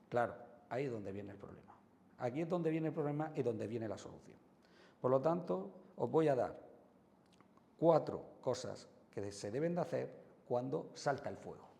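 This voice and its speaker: Spanish guy from spain explaining stuff to parents, gravelly dark voice, lots of loud-soft swings. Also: medium pitch, big-room sound. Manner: expressive, swings between loud and soft, acts out examples. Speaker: psychologist giving advice to parents. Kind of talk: educational talk to camera.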